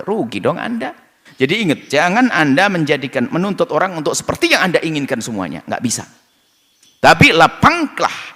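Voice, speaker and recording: A man preaching a sermon, animated, swinging between loud outbursts and soft murmurs. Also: sits high. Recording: long hall reverb.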